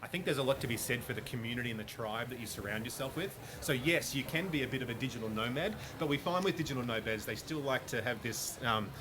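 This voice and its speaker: A man's voice: mid-range voice, fast, few pauses. Enthusiastic man, noisy background. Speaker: business guest expert. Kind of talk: interview answers.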